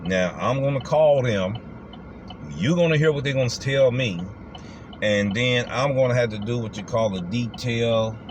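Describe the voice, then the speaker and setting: A man with a very low voice talks in a casual vlog style. He is colloquial and emphatic, circling back over his phrases, with clear background noise like a vehicle's hum. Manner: colloquial, emphatic, repeats himself. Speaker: delivery driver and vlogger.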